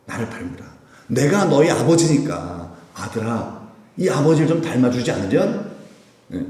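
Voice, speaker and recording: A male pastor preaches in a lively, conversational way, his pitch rising and falling as he asks the congregation questions and answers them himself. His voice is mellow and warm. He sounds set back from the microphone, with a long church-hall echo around him. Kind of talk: sermon. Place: church sanctuary. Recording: echoey church hall, mic at a distance.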